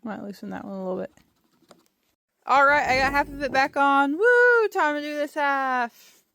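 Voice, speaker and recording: A fairly high-pitched woman talks through a hands-on repair in a relaxed, chatty way, now and then apologizing as she fumbles one-handed. Her voice sits close and dry on a phone mic, with no room echo. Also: moderate pace. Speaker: antique restorer. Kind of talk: casual hands-on repair vlog. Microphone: phone held in one hand.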